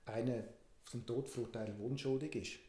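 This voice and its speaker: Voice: medium pitch, steady tone, fairly quick, dark tone, pitched below the performer's own voice, natural voice. A storyteller voicing a cautious, placating governor who reasons aloud, in a roomy recording. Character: cautious Roman governor, a man. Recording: roomy echo.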